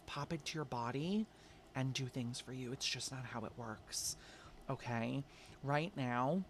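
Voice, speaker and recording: A man doing a casual tarot reading, coaxing and chatty, calling listeners babe, swinging between loud and soft. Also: medium pitch, slight background noise. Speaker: tarot reader.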